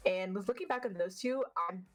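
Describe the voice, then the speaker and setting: This vtuber guest, a woman whose voice is deeper and unfeminine, answers a laid-back interview with quick, blunt talk and casual swearing. An occasional slight stutter slips in, and faint music hums behind her.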